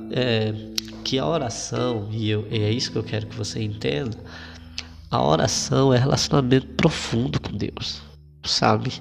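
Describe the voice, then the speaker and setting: Gravelly man preaching casually. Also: medium pitch. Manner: conversational, colloquial, with frequent fillers and repetitions. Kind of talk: informal sermon. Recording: long reverb with faint guitar.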